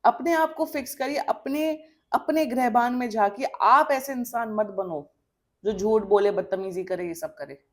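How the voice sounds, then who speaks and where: A woman's voice: on the high side, measured pace. Blunt, scolding woman tarot reader. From India. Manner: blunt, scolding, emphatic warnings; switches between Hindi and English mid-sentence. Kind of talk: tarot reading monologue to camera.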